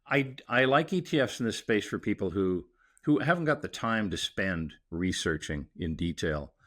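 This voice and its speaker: A man with a very low voice answers interview questions in a relaxed, halting way. He restarts phrases often and fills pauses with "um" and "you know". The sound is dry, with no room around it. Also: no room sound. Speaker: mining company executive guest. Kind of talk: casual interview talk.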